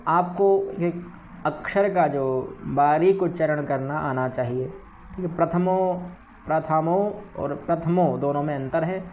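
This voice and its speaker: Slow, careful male Sanskrit teacher. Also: a little high, highs cut off, a little hiss or hum. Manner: slow, careful pronunciation drills; often asks "ठीक है". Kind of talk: recitation lesson.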